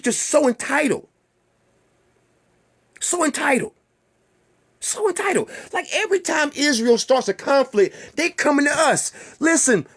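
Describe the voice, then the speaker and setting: Swearing and hammering each point with rhetorical questions, a man rants directly to the viewers of his own channel. His high, slightly bright voice swoops widely up and down, and he repeats phrases for emphasis in a heated, emphatic solo monologue.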